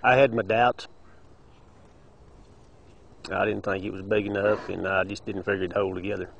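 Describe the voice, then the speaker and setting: A man's voice: on the low side, level tone, normal speed, creaky, muffled recording, slight background noise. A plain-spoken man with a Texan accent, talking casually and emphatically in an interview. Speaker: rancher.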